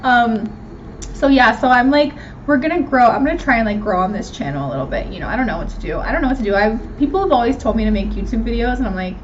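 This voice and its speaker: A twenty-nine-year-old woman from Miami, Florida, with an American accent, hosts a question-and-answer vlog, answering viewer questions in a casual, candid, slangy and self-mocking way. Her voice is a little high, her intonation lively, and she talks fast. The recording sounds dull and lo-fi, with background noise.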